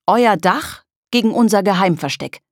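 A woman voicing a boastful, pushy boy who leads a rival gang, in a children's audiobook, speaking brashly and loudly. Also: mid-range voice, animated, normal speed, dry recording, clean studio sound, pitched above the performer's own voice, lightly acted. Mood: cocky. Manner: brash and loud.

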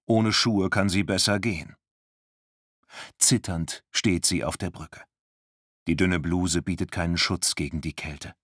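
A man narrating a thriller audiobook in a tense, measured studio reading. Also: low-pitched, fairly even intonation, a bit bright, slightly rough, dry recording. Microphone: close studio mic.

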